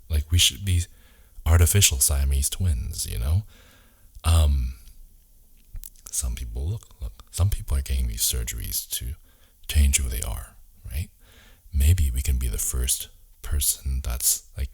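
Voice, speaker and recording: Guy doing ASMR role-play as obsessed boyfriend, romantic leading man type, super husky, dark mellow voice, intimate n coaxing. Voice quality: husky, gravelly low murmur slipping into soft voice.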